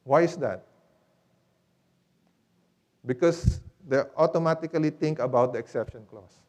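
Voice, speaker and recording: A man's voice: on the high side, a little slow, a little mellow. A man preaching a sermon in a church, teaching step by step and asking rhetorical questions.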